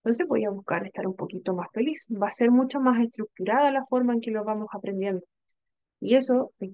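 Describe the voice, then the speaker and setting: A woman's voice: a little high, darkish tone, smooth, no room sound. A young adult woman, teaching a training class and explaining patiently, often checking in with her listeners. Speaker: instructor.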